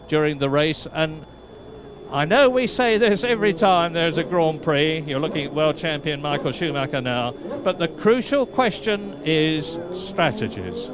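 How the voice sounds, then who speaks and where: A man giving brisk, informative live motor racing commentary from a commentary box. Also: on the high side, background noise. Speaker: lead race commentator. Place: commentary box at a race circuit.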